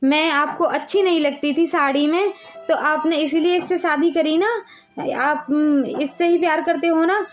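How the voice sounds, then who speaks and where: A woman's voice: high-pitched, fairly even intonation, moderate pace, faint music behind, natural voice. A woman playing a jealous first wife in a family skit, speaking in a plaintive, complaining way. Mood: hurt. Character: jealous first wife, scheming then hurt. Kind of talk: amateur family skit acting.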